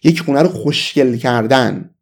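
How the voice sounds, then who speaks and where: A man with a Persian accent teaching English vocabulary in a casual, enthusiastic lesson, saying the English phrases slowly. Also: medium pitch, animated, creaky.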